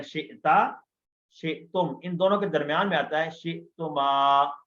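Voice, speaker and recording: A man teaching a lesson, explaining word forms patiently and repeating each one slowly, with frequent hesitations. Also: a little high. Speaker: Quranic Arabic teacher. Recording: dull lo-fi recording.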